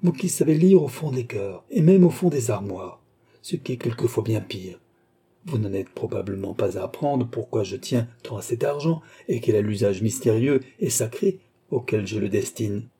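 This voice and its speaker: A man's voice: medium pitch, expressive, moderate pace, mellow, breathy edge. A man reading a proud cardinal prince in financial distress, haughty yet anxious and pleading. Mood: anxious pride.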